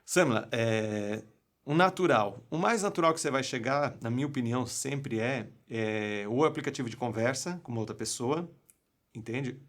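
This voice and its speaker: A man's voice: mid-range voice, moderate pace, fairly bright tone. Emphatic Brazilian man teaching live. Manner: emphatic, asks rhetorical questions. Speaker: English teacher and coach. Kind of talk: live online class talk.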